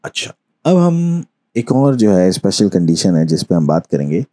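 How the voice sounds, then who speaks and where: A man teaching a course on Quran recitation, explaining patiently and reciting verses slowly. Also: deep voice, very animated, dark tone. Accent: Urdu-speaking Pakistani. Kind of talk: online lesson.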